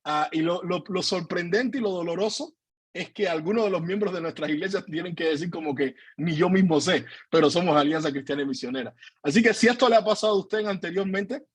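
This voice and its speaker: A man's voice: a little high, slightly rough, dry recording. A man, a pastor giving an earnest online teaching talk, hesitating often with fillers, on a computer mic during a video call. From Cuba.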